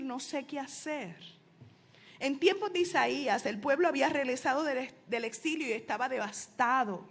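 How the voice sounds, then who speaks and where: A middle-aged woman pastor, preaching a sermon with emphatic rises and soft asides. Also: high voice.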